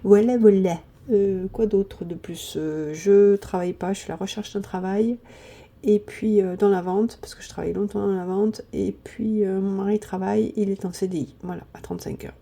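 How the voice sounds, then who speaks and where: A woman's voice: mid-range voice, steady tone, moderate pace, gravelly, warm tone. A woman, chatting casually to viewers about her weekly budget, full of fillers and repeated "voilà, voilà". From southern France. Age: 50s. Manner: chatty, hesitant, many fillers. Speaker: budgeting vlogger.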